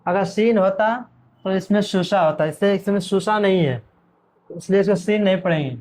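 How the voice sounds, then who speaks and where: A man's voice: high-pitched, darkish tone, slight background noise, poor audio. A man teaching Quran reading letter by letter, asking his own questions and answering them, drawing out the letter names. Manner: drawls letter names very slowly. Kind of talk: letter-by-letter lesson.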